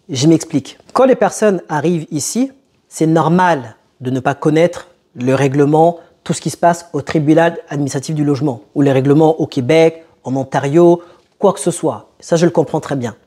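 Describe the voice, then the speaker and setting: A young man with a husky, slightly breathy voice and a mellow, darker tone hosts a casual explainer vlog. He talks directly to his viewers and keeps throwing rhetorical questions at them as he walks through his points. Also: on the high side, moderate pace. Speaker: YouTube host giving advice to newcomers.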